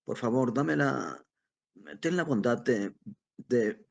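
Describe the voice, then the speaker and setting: A man voicing a frail, irritable eighty-year-old man who stammers and halts over his words, in a husky voice. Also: lowish voice, lively intonation, darkish tone, exaggerated voice. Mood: halting. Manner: halting, stammering, querulous.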